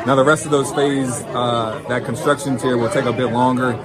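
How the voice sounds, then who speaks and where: A man's voice: mid-range voice, fairly even intonation, normal speed. A man earnestly explaining a community project to viewers, with many fillers. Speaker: project organizer. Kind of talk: casual pitch to viewers. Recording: loud crowd behind.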